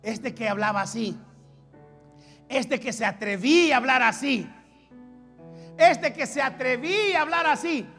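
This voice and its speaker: A man preaching a sermon as pastor, repeating phrases and swinging between loud calls and hushed lines. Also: very high-pitched, unhurried, pauses often, faint music behind.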